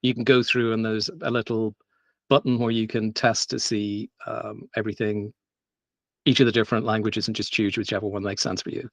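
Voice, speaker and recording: This man has a lowish, flat voice and a brisk pace as he gives an off-the-cuff tech meetup talk. His delivery is loose and filler-heavy, with frequent ums and restarts, and the dry recording has a dull lo-fi quality.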